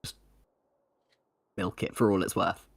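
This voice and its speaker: A man playing a tabletop role-playing game, chatting casually with the group. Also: a little slow.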